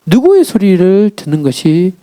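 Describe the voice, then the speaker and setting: A man's voice: high-pitched, sing-song, moderate pace, warm tone, dry recording, clean studio sound. A male pastor preaching a sermon, telling a story with lots of questions to the congregation.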